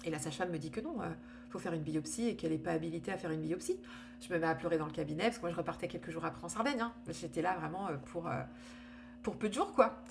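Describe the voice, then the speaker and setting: A French woman candidly recounts her experience with cancer, speaking in a fairly low, fast voice with vocal fry. Her conversational testimony is full of fillers and restarts, and a slight hiss or hum sits under the recording.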